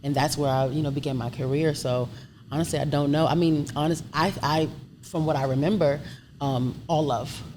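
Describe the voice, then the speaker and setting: Deep-voiced and moderately paced, this woman keeps a fairly even intonation. She's a thirty-something chef and entrepreneur from Brooklyn, a lively, frequently laughing guest in a candid interview with noisy surroundings.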